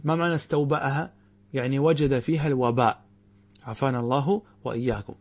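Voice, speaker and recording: A man teaching a grammar lesson, reciting quoted verses slowly and drawn out, and questioning his students rhetorically. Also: mid-range voice, fairly even intonation, darkish tone. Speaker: Islamic scholar teaching grammar.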